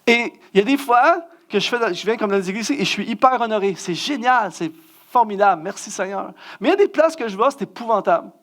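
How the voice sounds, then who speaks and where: A middle-aged man with a Quebec French accent giving a self-mocking, story-driven sermon as a guest speaker and musician. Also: fast. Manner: animated, self-mocking, acts out scenes with big pitch jumps.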